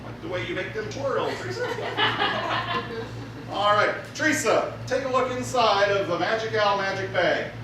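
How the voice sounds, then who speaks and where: A man's voice: sits high, very animated, a little slow. A man working as a stage magician, giving jokey live show patter as he teases a volunteer and plays to the audience. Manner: jokey showman teasing a volunteer, announcing to the crowd. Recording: echoey theater from far off, noisy.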